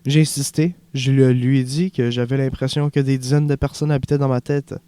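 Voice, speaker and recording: Voicing a young refugee in an audiobook, a man softly tells the character's story with haunted earnestness in a natural voice. The delivery is fairly quick with fairly even intonation at medium pitch, its tone dark and mellow, its sound smooth and resonant, captured close and dry.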